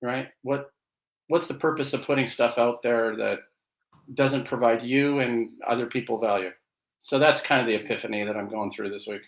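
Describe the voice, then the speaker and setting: Guy on a video call, tinny metallic tin-can mic, kinda echoey, thinking out loud with lots of restarts. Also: medium pitch, fairly even intonation, normal speed. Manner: thoughtful, with hesitant restarts. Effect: tinny, metallic tin-can mic sound. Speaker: regular co-host on a video call. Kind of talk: casual chat. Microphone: poor computer mic on a video call.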